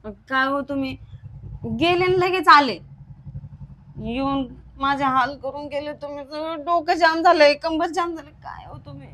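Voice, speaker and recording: A high-voiced, aggrieved village wife in a comedy skit, acted by a woman. She sounds unwell and groggy, whining her complaints in a rural Marathi accent. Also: little pitch movement, moderate pace, fairly bright tone. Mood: indignant complaint.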